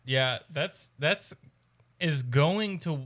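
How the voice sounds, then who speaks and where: A man's voice: on the high side, expressive, extremely slow, a bit bright. A young man joking around in a casual podcast chat and laughing often.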